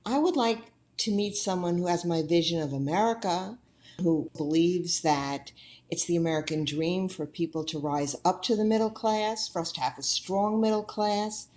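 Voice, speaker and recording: A woman in her sixties answering interview questions sincerely and deliberately. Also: on the low side, darkish tone. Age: 60s.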